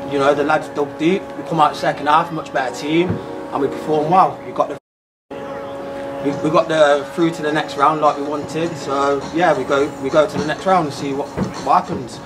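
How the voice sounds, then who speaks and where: Laid-back footballer, flat casual answers. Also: male voice, on the high side, normal speed, over music. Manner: plain short answers, casual. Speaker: football player. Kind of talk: post-match interview. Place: outdoor football stadium stand.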